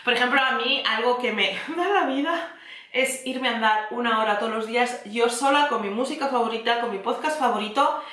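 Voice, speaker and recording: A woman's voice: on the high side, a little fast, bright, forceful tone. A woman podcast host giving a candid, confiding motivational talk. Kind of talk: motivational self-help talk. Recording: echoey room.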